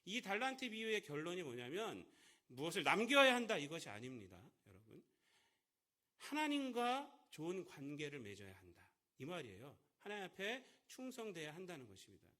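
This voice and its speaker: A male pastor preaching a Sunday sermon in a church, asking his congregation rhetorical questions and swinging between loud emphatic lines and quiet asides. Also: high voice.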